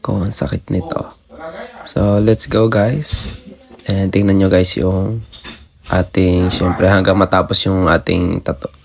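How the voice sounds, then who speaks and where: A man's voice: low-pitched, little pitch movement, takes it slowly, gravelly. A man narrating a vlog casually, with the buzz of a tattoo machine behind him. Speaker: vlogger. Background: buzzing tattoo machine, faint music.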